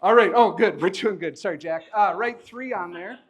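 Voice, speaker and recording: A man's voice: high voice, normal speed. A man performing as a magician at a live show, joking and encouraging a volunteer with chuckling banter. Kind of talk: live stage patter with a volunteer. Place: live show in front of an audience.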